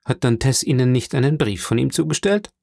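Man voicing a scheming clerk, sly, insinuating, gravelly, dry sound. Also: medium pitch, fairly quick, a little mellow, dry recording. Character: scheming envious male ship's clerk.

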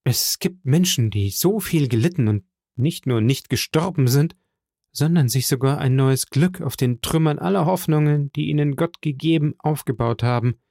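A proud young nobleman speaks firmly and resolutely in a storybook reading, as a male narrator gives him voice. The tone is dark and gravelly, recorded dry and close. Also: fairly high pitch, normal speed, no room sound.

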